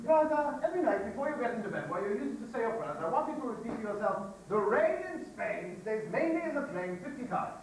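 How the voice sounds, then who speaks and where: A stage actor playing an impatient, pompous phonetics professor, lecturing briskly and exasperatedly. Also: medium pitch, big pitch swings, a little hiss or hum. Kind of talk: amateur stage musical acting. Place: theater stage. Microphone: audience recording from far off. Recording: echoey theater hall, distant mic.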